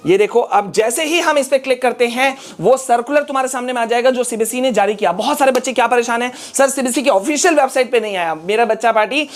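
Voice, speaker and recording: A man's voice: very high voice, quick pace, few pauses. A man teaching exam prep in a casual screen-share tutorial, chatty and encouraging, slipping English phrases into his talk. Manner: chatty, pep-talking, mixes in English phrases.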